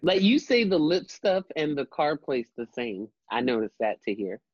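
Husky-voiced woman chatting casually. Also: deep voice, sing-song, moderate pace, a little mellow, dry recording, dull audio. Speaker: podcast guest. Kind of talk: casual chat.

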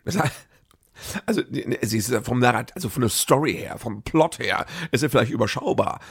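Gravelly man rambling casually. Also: medium pitch, expressive, fairly quick. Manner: rambling, self-correcting anecdotes. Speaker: comedian. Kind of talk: casual monologue.

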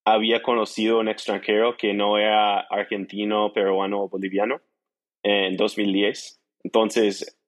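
In a relaxed interview, an American man of around thirty who grew up speaking English tells of his startup experience in Spanish that carries minor grammar errors. His voice is male and on the low side, delivered in a level tone at a measured pace.

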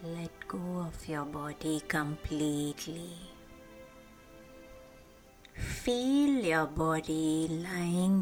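A woman with a fairly low voice leads a guided sleep meditation over music. She speaks extremely slowly and gently, leaving long, deliberate pauses so that each phrase feels soothing.

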